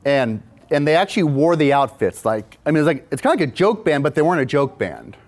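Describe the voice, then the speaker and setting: A man's voice: fairly high pitch, very animated, fast talker, darkish tone. Rambling man telling a story. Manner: rambling, with frequent restarts and repeated words. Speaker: music video and film director, guest. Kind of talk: casual anecdotal storytelling.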